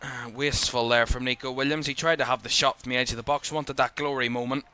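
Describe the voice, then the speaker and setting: A young man with a Northern Irish accent calls a football match live, in bright, forward tones. His play-by-play comes fast and jumps up in pitch when an attack builds, then settles back into steady, mid-pitched analysis between plays. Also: clear, resonant tone. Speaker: football commentator. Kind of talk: live watchalong match commentary.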